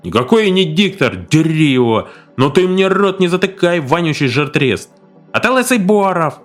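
A man voicing a rowdy gang of crude young thugs who yell coarse insults at each other. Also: high-pitched, wildly swooping pitch, measured pace, faint music behind, voice pushed up, exaggerated voice. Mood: brawling, yelling.

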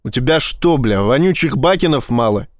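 A blustering, foul-mouthed police vice-admiral, put on by a man reading aloud, snapping and yelling in a raised, strained voice. The delivery is dry and close, with no room around it. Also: medium pitch, animated, moderate pace, no room sound, natural voice. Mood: agitated. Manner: loud, agitated, cursing outbursts. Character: hot-tempered swearing male police vice-admiral.

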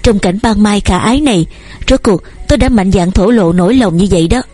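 A woman's voice: mid-range voice, fairly quick, mellow, breathy edge, close to an everyday voice. A woman voicing an earnest, devoted young man who courts eagerly and speaks at length.

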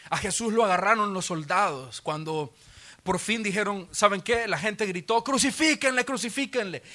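A male pastor preaching a sermon in a church auditorium, telling his stories vividly and acting out what people said. His voice sits high for a man and has a bright, ringing tone. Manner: vivid storytelling, acts out quotes.

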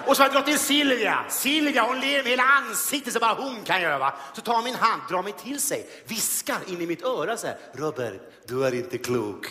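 A man performing a live stand-up comedy monologue, telling self-mocking stories in an animated way. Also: extremely high pitch, hardly any pauses, a little hiss or hum. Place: large theater stage. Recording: hall reverb on a live stage.

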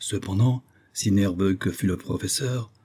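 A man narrating an audiobook in a measured, expressive reading. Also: sits low, breathy edge.

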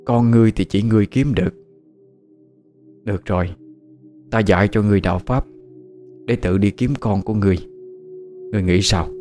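A man's voice: low-pitched, darkish tone, close to an everyday voice. A man voicing a stern female shaman of about thirty who speaks with grave authority.

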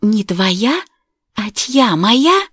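A woman voicing a hysterical, furious pregnant young wife who shouts shrill accusations. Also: takes it slowly, slightly rough, no room sound, clean studio sound. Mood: screaming.

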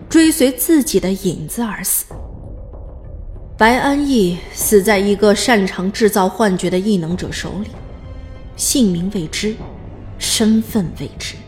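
A woman reading scripted, dramatic story narration as an audiobook narrator. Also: medium pitch.

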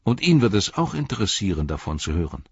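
A man voicing a calm, composed male hobbit who speaks quietly and dryly. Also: on the low side, fast talker, husky, dry recording, muffled recording, pitched above the performer's own voice, heavily acted. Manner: calm, dry.

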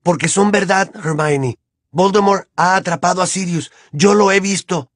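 A man voicing a stubborn, desperate teenage boy wizard who shouts in heated defiance. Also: fairly high pitch, fast talker, no echo, clean studio sound, voice pushed up, close to an everyday voice. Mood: angry, insistent.

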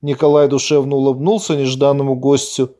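A male narrator reading a novel aloud in measured, even storytelling. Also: mid-range voice. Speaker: audiobook narrator. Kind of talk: scripted audiobook narration.

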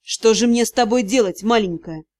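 Woman doing a hushed worried old witch. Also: fairly high pitch, a little slow, close to an everyday voice. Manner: hushed, sighing and gentle. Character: worried, caring older female witch.

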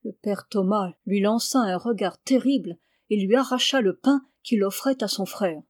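Woman audiobook reader, calm, dry close sound. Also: medium pitch, moderate pace, no echo. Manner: calm, names each speaker before lines. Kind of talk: audiobook reading of a classic novel.

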